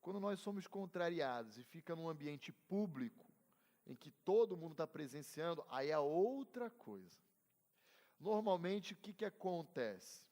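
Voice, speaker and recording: A man's voice: a little high, very animated, a little slow, a little mellow. A middle-aged Brazilian man, a pastor teaching a Bible class conversationally, telling personal stories with humor and asking the class questions. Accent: Brazilian Portuguese. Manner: conversational, asks the class questions and calls on members. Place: church hall. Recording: reverberant church hall.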